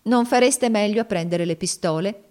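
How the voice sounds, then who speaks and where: A woman's voice: medium pitch, normal speed, a little mellow, voice pushed up, natural voice. Woman reading as scornful mocking Cassie. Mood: mocking, taunting. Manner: scornful, sneering. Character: cold, mocking woman taunting her master. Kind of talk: dramatic audiobook reading.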